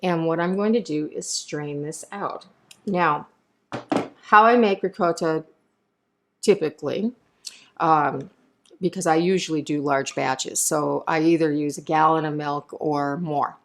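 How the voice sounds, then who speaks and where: This is a woman chef leading a cooking demonstration, speaking in a notably low register. She talks in a friendly, chatty way, explaining each step and drifting into side remarks. She is recorded in a home kitchen. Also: steady tone, a little slow, fairly bright tone.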